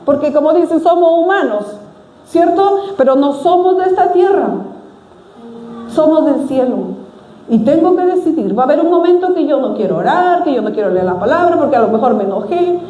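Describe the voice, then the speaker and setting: Middle-aged woman preacher, earnest and halting, mellow tone, recorded in a reverberant church hall. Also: high voice, expressive, muffled recording, slight background noise. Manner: earnest, exhorting, with frequent hesitations. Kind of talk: sermon.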